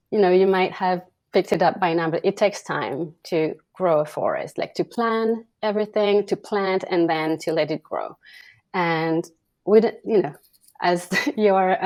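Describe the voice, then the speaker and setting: Guest scientist, woman, lowish voice, loose chatty delivery. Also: a little mellow. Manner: casual, many fillers like "like" and "you know". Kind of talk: conversational interview answer.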